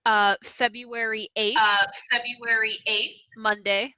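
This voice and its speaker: A woman, a student club president, making a halting announcement on a video call while her voice repeats as a delayed echo. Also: a little high, flat delivery, bright, forceful tone. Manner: halting, with fillers. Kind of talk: announcement in an online meeting. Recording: dull lo-fi call audio with echo.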